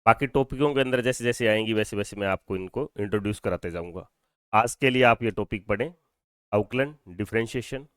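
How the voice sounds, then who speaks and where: An adult man over twenty-two lectures a physics class in Hindi mixed with English phrases, his lowish voice clear, resonant, fairly bright and fairly quick. The studio-quality recording is dry. He explains step by step, asks and answers his own questions, and has students repeat terms after him.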